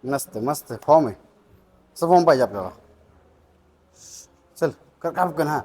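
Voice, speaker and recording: Energetic man coaching in a gym. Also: on the high side, moderate pace, slightly rough. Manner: energetic, shouting encouragement and counting reps. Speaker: gym vlogger coaching a friend. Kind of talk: casual gym vlog coaching. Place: gym indoors.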